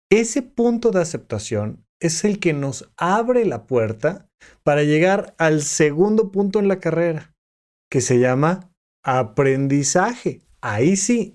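A man's voice: medium pitch, darkish tone. A man hosting a reflective podcast, speaking earnestly to the listener and repeating phrases for emphasis. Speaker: podcast host giving mental health advice. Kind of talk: reflective solo podcast talk.

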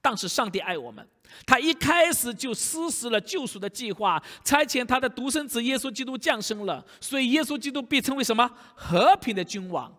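A man's voice: very high voice, expressive, a little fast, fairly bright tone, in a large hall. A man preaching a sermon to his congregation, often asking rhetorical questions. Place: church sanctuary.

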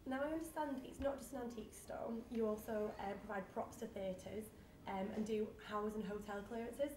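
A woman interviewer asking prepared questions quickly. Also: medium pitch. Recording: distant roomy voice with background noise.

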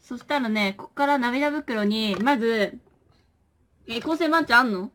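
A young woman hosting a casual livestream in a very high, bright voice. She talks playfully to her viewers and reacts to them with animated exclamations. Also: a little slow, slight background noise. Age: young adult. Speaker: livestream host. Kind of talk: casual chat with viewers during a makeup stream. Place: small indoor room.

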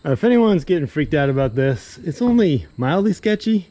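A man's voice: fairly high pitch, big pitch swings, moderate pace, background noise. Laid-back man rambling at a build site. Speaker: builder vlogger. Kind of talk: casual chat to camera while building. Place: outdoors at a barn construction site. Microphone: action camera, sometimes head-mounted.

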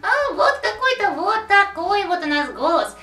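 A woman voicing a kindly elderly wizard with a shaky old voice, thin, slightly nasal and childlike, with drawn-out doting intonations. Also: very high voice, big pitch swings, sharp tone, soft background music, pitched above the performer's own voice, heavily acted. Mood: doting, quavering. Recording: roomy, distant microphone.

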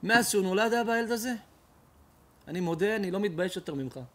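A preacher voicing an elderly rabbi who grieves and pleads with God in an impassioned voice. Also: male voice, sits high, a bit bright, slight background noise, voice pushed up. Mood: confessional.

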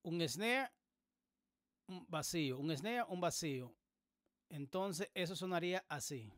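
A man hosting a music production tutorial, explaining things casually with many pauses and fillers. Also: fairly high pitch. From Dominican Republic. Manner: relaxed, explanatory, many hesitations. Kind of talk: casual screen-recorded tutorial. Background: beat playing in the background.

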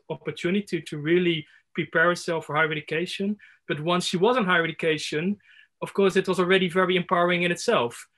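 This workshop participant, a man in his thirties, has a fairly high, fairly bright voice. He joins the online session by laptop video call from a home room with window blinds, offering a reflection full of hesitation, fillers and restarts.

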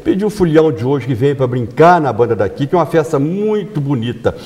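Sixties male, lively interview guest, self-correcting, lapel mic in a reverberant studio. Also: medium pitch, a little fast. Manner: animated, repeats himself, self-corrects. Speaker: carnival band organizer, guest.

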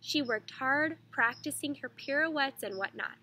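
A woman's voice: high-pitched, unhurried, sharp tone, a little hiss or hum. A woman voicing a chatty, friendly male museum guard telling a story. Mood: fond.

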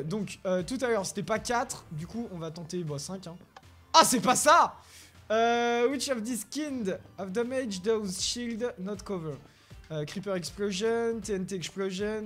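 A gaming YouTuber doing Let's Play commentary, excitable and bursting into shouted frustration when he fails, reading English quiz lines haltingly. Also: mid-range voice. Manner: reads English quiz questions haltingly with French pronunciation.

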